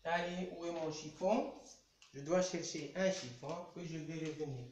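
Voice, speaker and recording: A man teaching a live online French lesson at a chalkboard. He speaks slowly and patiently and keeps coaxing his pupils to answer. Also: a little high, darkish tone, a little hiss or hum. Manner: slow, patient, coaxing, repeats "allez" to prompt pupils. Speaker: primary school French teacher. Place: indoor room at a chalkboard. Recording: roomy echoey room sound.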